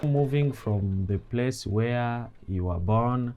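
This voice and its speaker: A young man from eastern Congo speaking in a documentary interview, halting and searching for words. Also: mid-range voice, noisy background. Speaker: refugee interviewee.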